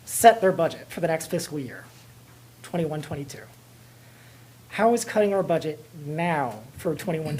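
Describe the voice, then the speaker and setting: An American woman, a board trustee, formally putting questions at a public meeting in a measured, deliberate way with pauses. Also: lowish voice, mellow, poor audio.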